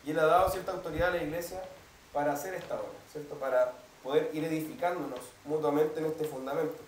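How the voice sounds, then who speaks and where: A man preaching a teaching sermon, his voice a touch high and carried from afar across a reverberant church hall. He lays out doctrine patiently, pausing again and again to ask whether his listeners follow. A faint hum of the room sits beneath his words. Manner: explanatory, keeps asking "¿cierto?" to the congregation. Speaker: pastor. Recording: echoey hall, mic at a distance.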